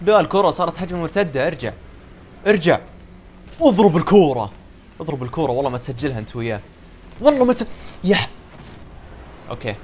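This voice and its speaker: A young man giving excitable live commentary on a car soccer game, yelling at goals and teasing his teammates. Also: high-pitched. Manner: excitable, shouts at goals, trash-talks teammates. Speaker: gaming YouTuber.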